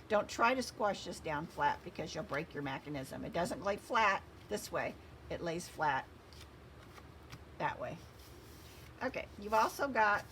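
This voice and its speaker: A woman's voice: medium pitch, fairly bright tone, slight background noise. A woman hosting a craft tutorial, giving step-by-step instructions while she works with her hands.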